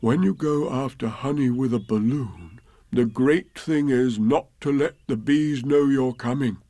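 A man voicing a slow-witted, earnest, honey-loving toy bear in a ponderous, drawn-out, musing way. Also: medium pitch, mellow, dry recording. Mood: earnest, scheming.

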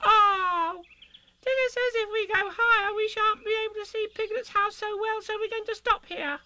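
A man voicing a small, excitable young kangaroo boy in a squeaky, childlike storybook falsetto, chattering breathlessly. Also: moderate pace, background noise. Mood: gleeful. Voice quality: squeaky, thin piping falsetto.

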